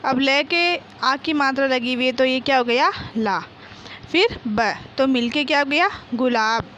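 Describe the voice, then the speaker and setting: A woman's voice: high-pitched, measured pace, fairly bright tone, muffled recording, a little hiss or hum. A woman teaching a lesson to young children. She sounds out each syllable, repeats whole words, and asks questions that she answers herself. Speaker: primary school teacher. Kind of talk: slow spelled-out reading lesson for young children.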